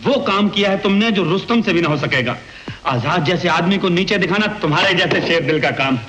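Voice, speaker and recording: A man's voice: high voice, animated, fairly bright tone, rough recording. An actor playing a pompous, lovesick nobleman who woos in florid poetic phrases, in 1950s film acting. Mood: proud. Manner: florid, slow poetic wooing.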